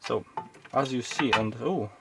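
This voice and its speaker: At his home workbench, a man probably in middle age rambles casually and hesitantly through a hands-on electronics teardown he hasn't scripted, filming it as a video. His mid-range voice is gravelly and moves at normal speed. The recording carries faint background noise and clicks.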